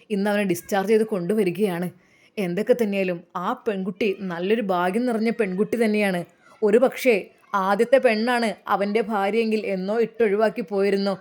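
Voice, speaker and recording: A woman's voice: mid-range voice, darkish tone, close to an everyday voice. A woman voicing an older father, earnest and fond as he praises his daughter-in-law. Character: older father, warm and grateful patriarch.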